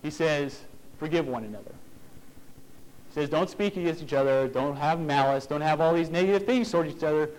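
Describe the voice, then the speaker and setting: Earnest male preacher, plain-spoken, voice a touch high. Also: brisk, darkish tone, poor audio. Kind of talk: sermon.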